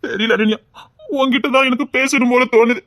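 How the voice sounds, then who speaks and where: A man with a Tirunelveli Tamil accent, playing a scheming young man who talks softly and wheedles. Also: extremely high pitch, steady tone, brisk. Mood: wheedling. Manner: soft wheedling voice that turns mocking. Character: scheming young man, fake-tearful, later cold and harsh. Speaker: actor in a skit. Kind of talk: melodramatic skit acting.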